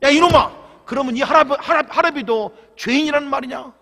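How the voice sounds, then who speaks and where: A man's voice: high voice, very animated, unhurried, heavily acted. A man voicing a stern, furious old grandfather who scolds his grandson, in a reverberant church hall. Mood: furious scolding. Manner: shouting, scolding.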